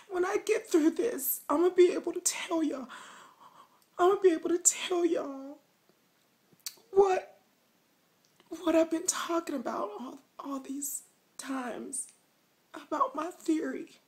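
Snotty crying, overwhelmed sobbing woman, extremely high whimpering pitch, halting phrases breaking into whispers, vlog confession. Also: a little mellow. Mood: tearful, determined. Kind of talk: mock-crying confession to camera. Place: small room indoors. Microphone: phone or webcam at arm's length.

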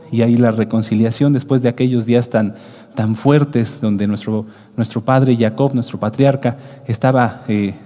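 A man preaching to his congregation in a mellow, unhurried voice, walking his listeners through each point and checking in with a quick rising "¿sí?". His words ring out with the long reverb of a congregation hall. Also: medium pitch. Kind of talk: sermon. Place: congregation hall with a booth of branches.

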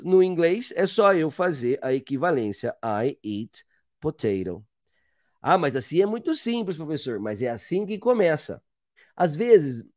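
A man with a slightly raised speaking pitch teaches English grammar, walking the viewer through each step. He keeps pointing at his examples and answers his own rhetorical questions. The sound is close and dry, with no room echo. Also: warm tone. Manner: explains step by step, often pointing with "ó". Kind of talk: whiteboard grammar lesson.

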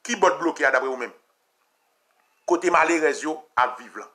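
A man with a Haitian accent giving an impassioned political talk, repeating phrases and sometimes shouting. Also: on the high side, animated, normal speed. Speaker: commentator.

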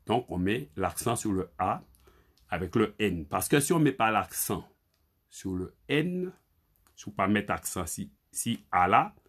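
A man teaching a Creole spelling lesson, halting and repeating himself as he spells letters aloud. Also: fairly low pitch, a bit bright, husky.

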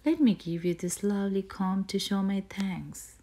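A woman's voice: medium pitch, normal speed, mellow, voice pushed up, natural voice. A woman doing a sly wicked queen. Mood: coaxing.

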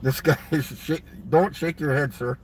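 A middle-aged Canadian vlogger and street activist, his voice on the high side at a moderate pace, sits in a car that's parked or moving slowly. Vehicle noise fills the interior as he makes blunt short statements and calls out slogans to those walking by.

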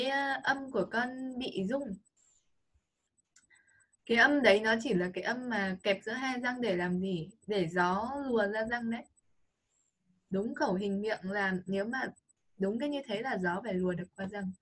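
A woman's voice: medium pitch, fairly bright tone. A woman with a Vietnamese accent teaching English pronunciation to a child, patient and coaching, modelling sounds over and over. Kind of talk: online pronunciation lesson for a child.

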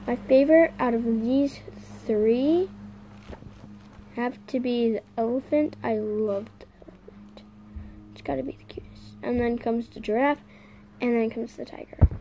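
A woman vlogging an unboxing, talking straight to her viewers in a halting, complaining way. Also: fairly high pitch, steady tone, dark tone, slight background noise. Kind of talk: casual unboxing chat to viewers.

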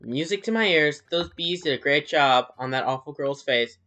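A man's voice: on the high side, lively intonation, moderate pace, bright, forceful tone, soft background music. A man putting on a posh scheming British schoolboy. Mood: smug scheming. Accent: put-on British. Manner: prim, clipped, mock-genteel phrasing.

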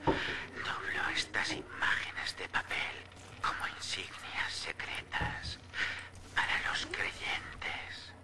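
A man voicing an eerie male cult figure in a hushed whisper, from a game audio diary. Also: low-pitched.

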